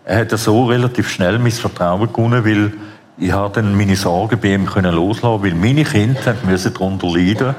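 A man's voice: fairly low pitch, fairly quick, a little mellow, a little hiss or hum. A middle-aged man, earnestly telling his life story as a guest, with hesitant restarts. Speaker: guest, former convict. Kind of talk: personal testimony in a church talk.

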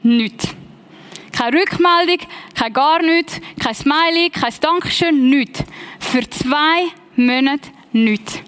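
Swiss German woman, young, high voice, chatty sermon storyteller, mixes in English. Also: slow pace. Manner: lively, personal, conversational storytelling with English phrases. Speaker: preacher.

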